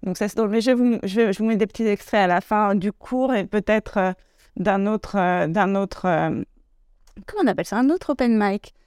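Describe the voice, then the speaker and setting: A woman's voice: medium pitch, a little fast, darkish tone, clean tone, dry recording, clean studio sound. A woman hosting her podcast in a casual, chatty monologue, full of fillers and little laughs. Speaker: podcast host.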